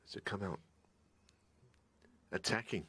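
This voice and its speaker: A man giving hushed, conversational live snooker commentary in a measured, analytical manner. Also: sits low, slightly rough.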